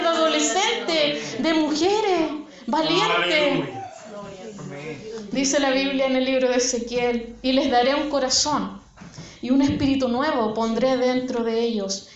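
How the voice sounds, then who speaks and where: High-voiced woman preaching in echoey church. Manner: earnest, addresses listeners as sister. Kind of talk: sermon. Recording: echoey church hall, dull sound, congregation.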